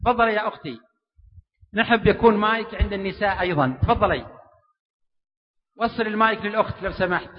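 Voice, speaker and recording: A man preaches in a very high, rapid voice. He jokes with the audience and coaxes them to respond, and the sound is muffled and echoes through a long hall. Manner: animated, joking, coaxing the audience. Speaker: preacher giving a public lecture. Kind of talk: lively interactive religious lecture. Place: large lecture hall with an audience. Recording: dull, echoey lecture hall recording.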